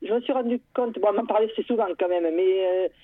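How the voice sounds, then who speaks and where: A woman calling in to a radio show, telling a personal story in a lively way, often restarting her sentences. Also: mid-range voice, fast, dry recording. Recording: tinny phone line.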